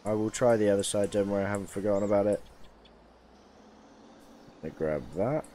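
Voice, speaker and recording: A man's voice: lowish voice, fairly quick, warm tone, a little hiss or hum. A young man giving casual, rambling commentary over a mining game, tired and joking at his own expense. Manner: rambling, self-mocking, chatty. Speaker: gaming YouTuber.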